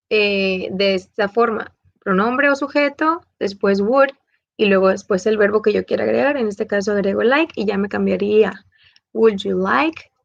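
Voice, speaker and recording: Woman teacher, gravelly, slow and patient, dull lo-fi sound. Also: fairly high pitch, no echo. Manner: switches between Spanish and English, slow over example sentences. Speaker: English teacher. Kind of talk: online grammar lesson.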